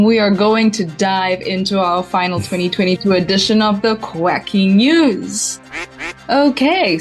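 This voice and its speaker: A woman from South Africa hosting a casual podcast, upbeat and laughing often. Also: mid-range voice. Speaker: podcast host.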